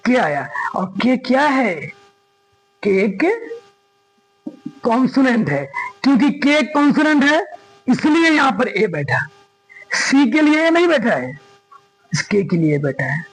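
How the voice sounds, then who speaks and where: A man's voice: very high-pitched, very animated, unhurried, long pauses, slightly rough, faint music behind, poor audio. A man teaching grammar, stressing his points with repetition and asking his students questions as he goes. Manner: emphatic, repeats points and quizzes students. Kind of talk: classroom lesson explaining grammar.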